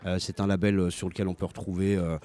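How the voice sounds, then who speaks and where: A man's voice: low-pitched, little pitch movement, fast, warm tone. A man hosting a live music radio show, talking casually with many hesitations and restarts. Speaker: radio host.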